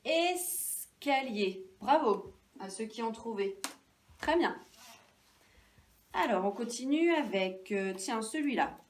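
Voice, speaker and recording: A woman teacher giving a lesson to young children, speaking slowly and clearly, stretching out syllables and encouraging them. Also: a little high, lively intonation, a little mellow, recorded from a distance, slight background noise.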